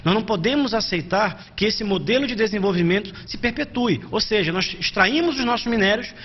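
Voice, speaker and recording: A man in his thirties answers an interview as an economist, formal and assertive. His voice is notably high for a man. The recording is dull, with faint noise behind him. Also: expressive, fairly quick. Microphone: handheld mic.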